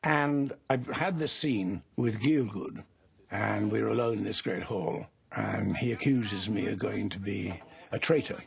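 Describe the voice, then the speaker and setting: A man's voice: fairly low pitch, a little slow, gravelly, slightly rough. An older man, an actor interviewed about his past work, telling anecdotes in a reflective way. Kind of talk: reminiscing interview.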